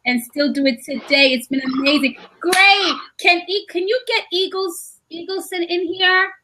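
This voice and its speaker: A woman from New York co-hosting a casual live video chat, talking in quick restarts while dealing with a shaky connection. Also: very high-pitched, sharp tone. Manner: chatty, restarts often, coping with connection trouble. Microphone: video call.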